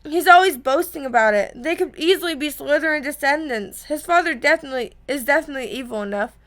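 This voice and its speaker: An earnest teenage schoolboy, read by a woman, quick and insistent with a bright voice in a storybook reading. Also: high-pitched.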